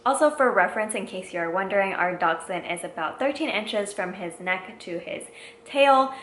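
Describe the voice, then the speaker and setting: A woman's voice: medium pitch, animated, normal speed, fairly bright tone, reverberant, a little hiss or hum. A woman in her twenties, casually reviewing a product and walking through its features in a friendly, explanatory way. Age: 20s.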